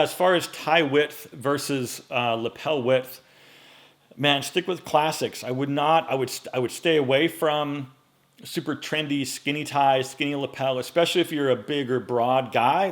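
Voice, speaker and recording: A man in his late forties talks through viewer questions in a relaxed, conversational way, with a middling pitch and lots of fillers and false starts. He sounds close to a microphone set up in front of him in a small home studio. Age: 40s. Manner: relaxed, chatty, with many fillers and restarts. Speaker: men's style YouTuber. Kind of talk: casual Q&A vlog.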